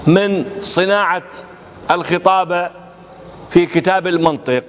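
A man with a rather high voice teaches religious oratory in a televised lecture. He is emphatic and acts out pronunciations to show the difference between them. His voice rings through a long hall reverb over a faint bed of noise. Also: a little slow. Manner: emphatic, demonstrates pronunciations aloud.

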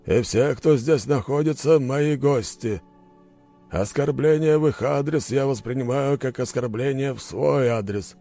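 A man voicing a calm, cold and dignified male count who speaks slowly. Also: medium pitch, soft background music, voice pushed up, natural voice. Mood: cold stern.

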